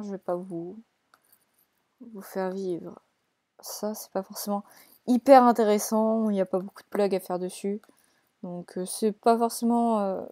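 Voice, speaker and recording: A woman's voice: mid-range voice, dark tone, dry recording, clean studio sound. A young woman hosting a let's play, chatting casually and teasing the characters she plays, with frequent hesitations. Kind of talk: casual gameplay commentary.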